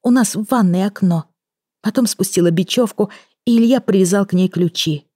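Brief: female narrator voicing young woman confessing, breathless, pleading, pitched up. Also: normal speed, warm tone, dry recording, clean studio sound, close to an everyday voice. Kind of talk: audiobook reading.

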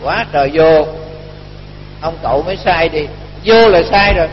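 A man's voice: a little high, moderate pace, a little hiss or hum. A man, a Buddhist monk giving a storytelling sermon and acting out the dialogue in his tale. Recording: dull lo-fi recording with long reverb.

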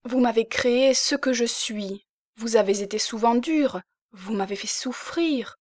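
A woman voicing a meek, melancholy young male artist in exile, in a gentle, plaintive tone. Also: on the high side, a little slow, no room sound, clean studio sound, voice pushed up. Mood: grateful. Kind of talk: audiobook character reading.

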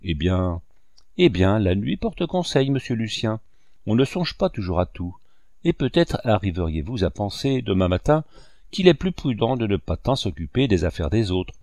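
A man playing an ironic, quietly menacing swindler, lowish voice, dry close sound. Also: sing-song, moderate pace, dry recording. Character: scheming middle-aged man, villainous swindler, veiled menace.

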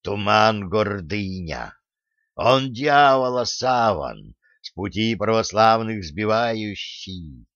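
A man reading the part of a stern old pagan sage in an audiobook, speaking slowly and solemnly. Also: lowish voice, a bit bright, no room sound, lo-fi sound. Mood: stern preaching.

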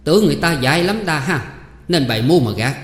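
A man voicing a greedy, scolding village wife who talks loudly and sharply. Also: fairly high pitch, expressive, normal speed, soft background music, voice pushed up, lightly acted. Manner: loud, scolding, sharp demands. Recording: roomy hall with long reverb.

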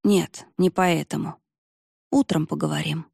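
A woman's voice: deep voice, measured pace, creaky, a little mellow, husky, no room sound, studio quality, full character voice. Woman doing a grumbling old village man.

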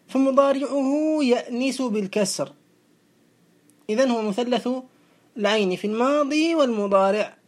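Woman teacher, classical grammar lesson, methodical and repetitive delivery. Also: fairly high pitch. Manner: methodical, repeating each verb form slowly. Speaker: teacher of Arabic morphology. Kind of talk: explaining a classical grammar text.

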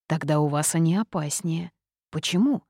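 A woman's voice: low-pitched, moderate pace, warm tone, no echo, studio quality. A woman voicing a stern male demon who lectures and threatens, in an audiobook. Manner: lecturing, droning.

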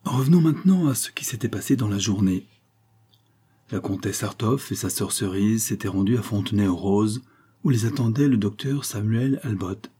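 A man narrating a novel with a low, dark and husky voice. He keeps a steady, even storytelling pace throughout the reading. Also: moderate pace. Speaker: audiobook narrator. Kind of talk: scripted narration.

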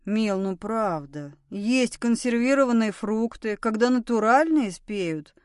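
A woman voicing a bold, sharp-tongued woman who speaks brisk and loud. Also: a little high, expressive, no echo, clean studio sound.

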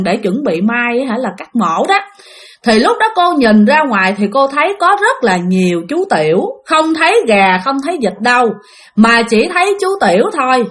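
A woman with a Southern Vietnamese accent telling a ghost story in a chatty way, speaking directly to her listeners. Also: fairly high pitch. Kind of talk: spoken ghost story narration.

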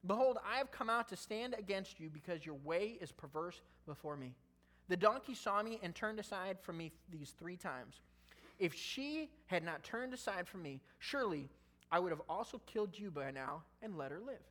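A man's voice: high-pitched, lively intonation, normal speed, a bit bright. A man preaching a casual sermon, reading scripture aloud and breaking off into conversational, joking asides. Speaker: pastor.

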